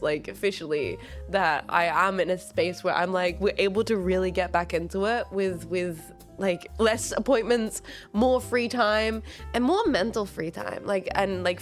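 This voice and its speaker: A young woman streamer chatting casually, giggling often, swearing freely and rambling with fillers. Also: on the low side. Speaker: VTuber streamer. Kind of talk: casual livestream chat.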